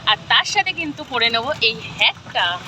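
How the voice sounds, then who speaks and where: A woman's voice: a little high, big pitch swings, moderate pace, very noisy. Chatty woman vlogging on phone. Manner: chatty, addresses viewers directly. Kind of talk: casual travel vlog.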